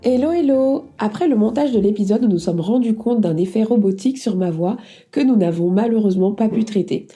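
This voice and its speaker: Female podcast host for introductions and announcements, medium pitch, audible music bed. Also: brisk, warm tone.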